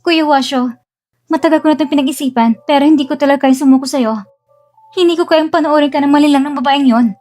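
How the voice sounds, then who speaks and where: A woman's voice: high voice, fairly even intonation, quick pace, darkish tone, lightly acted. A woman dubbing a spoiled, scheming young woman who clings to her older brother and talks in a pushy, self-assured way. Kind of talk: dubbed drama.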